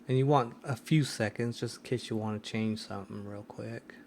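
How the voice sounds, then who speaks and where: A man's voice: fairly low pitch, normal speed, darkish tone, a little hiss or hum. A man hosting a casual screen-recorded tech tutorial, hesitant and full of ums and restarts. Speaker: tech video host.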